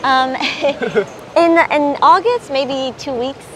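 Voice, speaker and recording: Higher-voiced New York woman, noisy street. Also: extremely slow. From Long Island, New York. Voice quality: New York accent, slightly softened. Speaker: local guide. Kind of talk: casual chat, explaining local tips. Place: outdoors, evening streets and harbor overlook. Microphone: clip-on lavalier. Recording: noisy outdoor street ambience.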